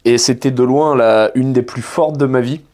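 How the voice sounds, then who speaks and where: A man's voice: mid-range voice, normal speed. A young man from France telling rowdy stories in slangy casual chat, acting out the voices of the people he quotes. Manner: animated storytelling, slangy, acts out quoted voices. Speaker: podcast guest telling stories.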